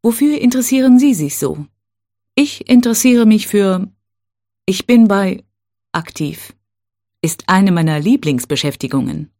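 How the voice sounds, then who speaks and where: Slow, mellow-voiced woman reading phrases. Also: medium pitch, animated. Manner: slow, careful, clearly spaced phrases. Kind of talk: reading set phrases for learners.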